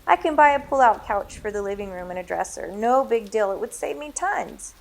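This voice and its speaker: A woman reading a story aloud, voicing a cheerful young woman who talks quickly and eagerly. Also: mid-range voice, animated, gravelly, rough recording.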